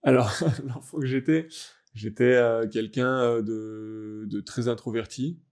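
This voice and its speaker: A young adult French man, a guest athlete in a casual interview, talking in a halting, reflective way as he searches for words. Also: medium pitch, fairly even intonation, darkish tone. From France. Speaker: guest, wheelchair rugby athlete.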